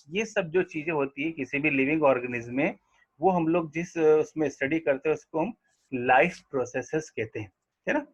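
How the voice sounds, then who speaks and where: A male teacher lecturing on a textbook chapter, reading English lines slowly and explaining each in Hindi with frequent tag questions. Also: medium pitch. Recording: dull lo-fi audio.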